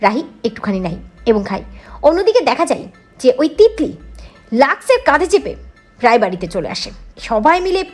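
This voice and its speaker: High, brisk woman narrator retelling a serial, faint music under her. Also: very animated. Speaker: storyteller recapping a serial.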